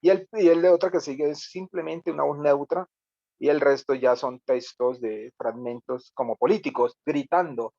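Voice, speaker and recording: A man's voice: fairly high pitch, normal speed, gravelly, mellow, dry recording, dull audio. A man teaching a radio workshop over a video call, giving loose, talkative feedback and acting out lines as examples. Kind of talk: online class feedback.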